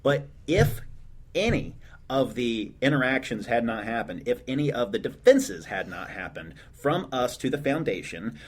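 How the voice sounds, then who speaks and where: A man's voice: medium pitch, big pitch swings, normal speed, slightly rough. A man, a pro wrestler guest, making cocky, boastful declarations in a promo.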